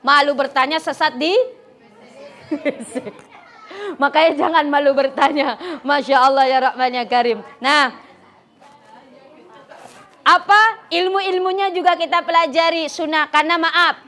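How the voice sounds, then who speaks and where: Very high-voiced woman preacher. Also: unhurried, long pauses, some chatter behind. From West Java, Indonesia. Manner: lively storytelling, acting out characters, frequent laughter. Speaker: female Islamic preacher. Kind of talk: humorous religious lecture.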